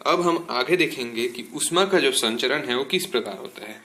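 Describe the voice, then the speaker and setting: A man's voice: medium pitch, lively intonation, normal speed, pushed and bright. A male school science teacher giving a classroom lecture, explaining step by step and checking in with students after nearly every point, mixing English terms into his explanations.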